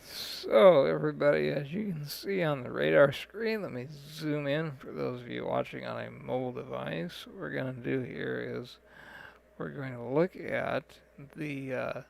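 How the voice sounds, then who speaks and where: A man's voice: medium pitch, measured pace, creaky, poor audio. A man giving casual, rambling live-stream commentary on a flight sim, full of fillers and restarts.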